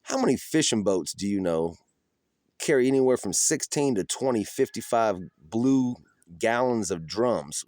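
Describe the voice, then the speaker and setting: A man's voice: fairly low pitch, darkish tone, no room sound, clean studio sound. A man ranting outdoors in the cold, giving profane, combative and mocking political commentary. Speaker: political vlogger.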